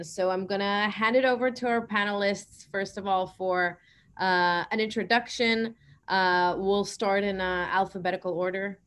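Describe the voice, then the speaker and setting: A woman's voice: medium pitch, a bit bright, clean tone. Woman moderating an online panel. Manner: hesitant, many fillers. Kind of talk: webinar hosting. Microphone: video call.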